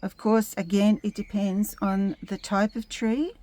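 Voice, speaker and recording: Woman, gentle painting instructor; relaxed, soft-edged tone, close dry sound, tutorial delivery. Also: medium pitch, measured pace, no echo. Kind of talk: step-by-step painting tutorial narration.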